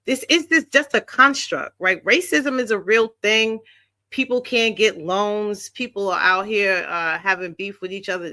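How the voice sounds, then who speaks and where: Female panel guest, bright forceful voice, dry close sound, emphatic delivery. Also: fairly low pitch, no room sound. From Queens, New York. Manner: emphatic, punctuates points with "right?" and "okay?". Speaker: guest speaker. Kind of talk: impassioned panel talk.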